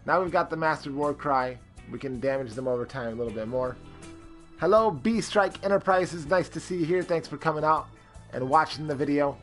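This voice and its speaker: A man's voice: a little high, fairly quick, a bit bright, faint music behind. A man streaming a character-creation game, rambling with lots of fillers and greeting chat viewers. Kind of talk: casual live-stream commentary.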